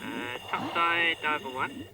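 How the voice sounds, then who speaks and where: A man talking as a diver over an underwater mask radio, with slow, clipped procedure talk. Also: fairly high pitch, a crowd in the background. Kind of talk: diving comms. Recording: distant radio voice over heavy background noise.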